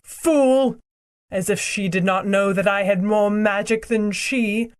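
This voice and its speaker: A woman voicing a proud, cruel ancient queen and sorceress in an audiobook, speaking in a slow, imperious, theatrical way. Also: medium pitch, steady tone, natural voice. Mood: haughty. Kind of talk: audiobook character reading.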